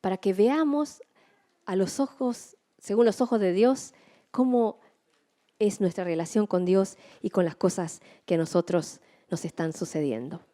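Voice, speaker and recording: A middle-aged woman preaching a sermon, telling stories in an animated way and acting out her own excited shouts. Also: medium pitch, measured pace.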